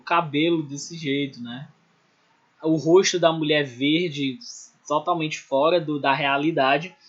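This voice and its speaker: Male art teacher, slightly high voice, explanatory and repetitive with tag questions, muffled lo-fi sound. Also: fairly bright tone, slightly rough. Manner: explanatory, many "né?" and "ou seja" tags, self-corrections. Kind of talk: recorded online class lecture.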